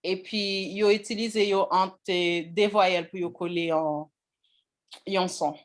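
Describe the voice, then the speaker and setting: Slow-paced woman teaching a class. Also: fairly low pitch, fairly even intonation. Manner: slow, checks in with the class often. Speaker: language teacher. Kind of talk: classroom lesson on pronunciation.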